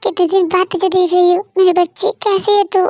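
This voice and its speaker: Woman voicing a fussing mother, very high voice. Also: steady tone, brisk, warm tone, no room sound. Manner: insistent, fussing. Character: warm, fussing middle-aged mother. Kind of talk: amateur fan audio drama.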